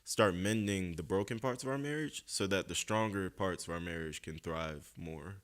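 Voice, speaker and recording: A man's voice: low-pitched, fairly bright tone. A young man hosting a casual podcast chat, talking earnestly and reflectively with lots of fillers. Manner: earnest, reflective, speaks slowly with many fillers. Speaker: podcast host.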